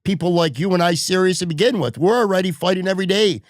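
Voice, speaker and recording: A man's voice: high-pitched, fast talker, no echo, studio quality. A man hosting a sports podcast, talking bluntly and heatedly in casual chat, swearing freely. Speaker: podcast host.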